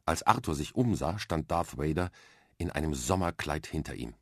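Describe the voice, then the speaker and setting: A man reading a children's story aloud, with lively, expressive narration at a close studio mic. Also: a bass voice, moderate pace, vocal fry, breathy edge, no echo. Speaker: reader.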